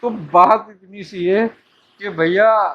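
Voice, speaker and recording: High bright-voiced man telling a story. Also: steady tone. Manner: casual, acts out dialogue with quick voice shifts. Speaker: Sufi teacher telling a story. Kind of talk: storytelling talk to disciples. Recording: dull lo-fi recording.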